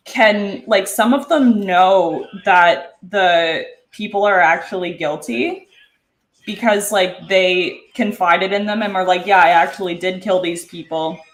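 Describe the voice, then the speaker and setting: Young Canadian woman, casual cooking vlogger, unhurried rambling delivery, echoey kitchen. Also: mid-range voice. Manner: rambling, filler-heavy, swears casually. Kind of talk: casual chat while cooking. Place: home kitchen.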